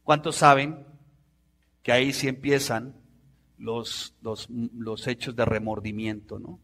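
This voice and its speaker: A middle-aged man, preaching a sermon in an animated way and acting out voices. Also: mid-range voice, slow. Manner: animated, acts out voices with sudden loud outbursts.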